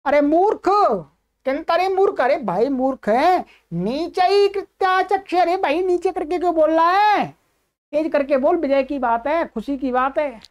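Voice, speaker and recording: A woman's voice: high-pitched, measured pace, a little mellow, pitched above the performer's own voice. A woman voicing a male Brahmin father who rebukes a messenger in an exasperated way. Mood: rebuking.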